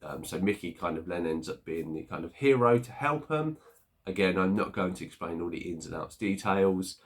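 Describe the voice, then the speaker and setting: Male film reviewer, very low voice, relaxed and chatty, pauses often to gather his thoughts. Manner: unhurried, thinking aloud with many filler pauses. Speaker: movie reviewer. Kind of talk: casual spoken movie review.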